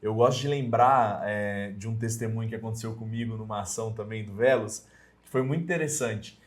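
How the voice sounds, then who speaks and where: A man with a Brazilian Portuguese accent, mentoring on evangelism in a casual, earnest chat, often pausing with hesitation fillers. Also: on the low side.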